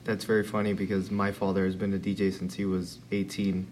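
A man's voice: deep voice, little pitch movement, brisk, darkish tone, a little hiss or hum. A man asking questions in a casual, easygoing interview.

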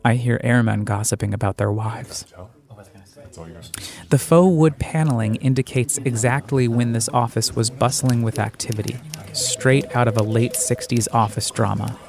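A man from the United States narrating a scripted first-person audio essay in a reflective, deliberate way. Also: medium pitch, steady tone, creaky, a little mellow. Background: music.

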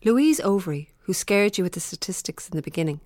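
A woman delivers scripted documentary narration, earnest and emphatic. Her voice sits low and the recording is close and dry. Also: expressive, fast talker, darkish tone, dry recording. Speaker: presenter.

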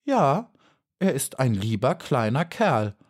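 A man's voice: mid-range voice, big pitch swings, normal speed, darkish tone, pitched above the performer's own voice. A man voicing a large female dragonfly in a storybook, haughty, condescending and predatory.

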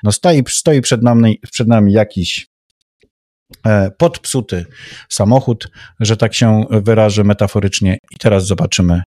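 A man hosting a podcast, speaking in a deliberately changed, lowered voice and talking wordily with many hesitations. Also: darkish tone, dry recording, clean studio sound. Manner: wordy, with frequent hesitations. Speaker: podcast host. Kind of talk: casual discussion podcast.

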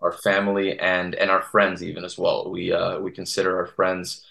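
Speaking in a monotone, creaky voice that is very low, bright and forceful, a young Toronto man appears as a guest from a Serbian community TV channel on a relaxed podcast. His earnest answers come haltingly, full of restarts, against an echoey room sound.

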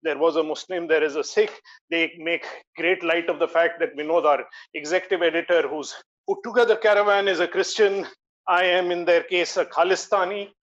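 A man's voice: on the high side, steady tone, fairly quick, fairly bright tone. An Indian-accented man speaking emphatically as a guest in an earnest panel discussion, repeating phrases for stress. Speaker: magazine editor, guest. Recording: dull, lo-fi voice link.

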